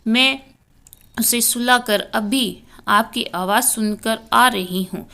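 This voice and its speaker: A woman's voice: on the high side, slow pace, sharp tone, full character voice. A woman voicing a polite, anxious young daughter-in-law in a storybook reading.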